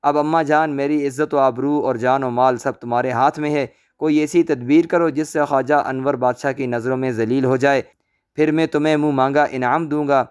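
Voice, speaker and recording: A man's voice: mid-range voice, steady tone, darkish tone, clear, resonant tone, dry recording, clean studio sound, close to an everyday voice. A man voicing a scheming court vizier in a storybook tale, anxious and plotting. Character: scheming frightened male vizier.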